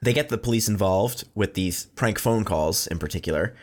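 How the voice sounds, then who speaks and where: A man co-hosting a casual film podcast, recapping the plot in a relaxed way. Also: lowish voice, normal speed. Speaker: podcast co-host.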